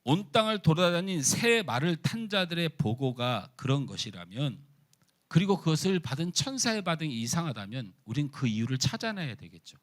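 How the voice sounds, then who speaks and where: Animated male pastor preaching a sermon. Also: a little high, normal speed. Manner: asks the congregation questions and teases them. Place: church.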